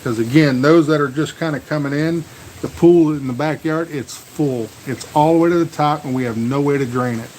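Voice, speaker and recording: A man's voice: fairly high pitch, moderate pace, darkish tone, a little hiss or hum, poor audio. An American man chatting casually on a live stream, rambling in a folksy way and repeating words. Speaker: livestream host. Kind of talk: casual live storm vlog chat. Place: outdoors near a truck in rain.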